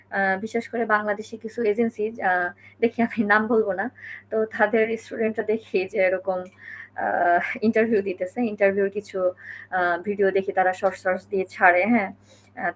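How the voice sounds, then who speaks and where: A woman's voice: medium pitch, a little hiss or hum. A woman from Bangladesh giving a casual spoken lesson, talking in a conversational way and often checking in with the listener. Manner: conversational, many fillers and check-ins. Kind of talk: casual explanatory talk.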